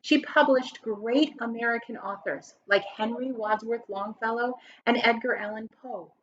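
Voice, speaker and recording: Reading a picture book aloud the way a teacher would, a woman uses dramatic, emphatic phrasing and asks her listeners questions. Her voice sits at a medium pitch, and the recording sounds dull, with a faint hiss or hum.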